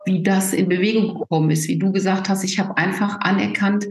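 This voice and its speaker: A woman coach speaks with emphatic conviction in a relaxed interview, punctuating her thoughts with quick tag questions. Her voice sits at a middle pitch and bounces around an echoey room. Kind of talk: casual interview chat.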